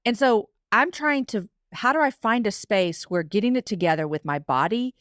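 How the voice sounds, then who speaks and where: Brief: forties woman, candid guest author, mid pitch, dry close mic. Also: animated, fairly bright tone, no room sound. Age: 40s. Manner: candid, emotional, quick self-talk asides. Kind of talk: casual interview chat.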